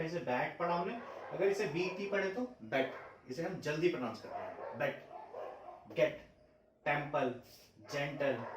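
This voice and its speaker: A man's voice: fairly high pitch, slight background noise. A man teaching English vowel sounds, patiently repeating example words one at a time. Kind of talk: phonics lesson explaining vowel sounds. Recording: roomy echo, mic at a distance.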